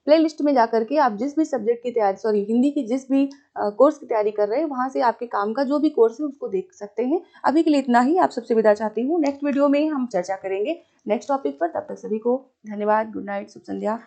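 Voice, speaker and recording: A woman teaching an exam-prep lecture, slowly repeating each question before explaining the answer. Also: on the high side, warm tone. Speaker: Hindi literature teacher.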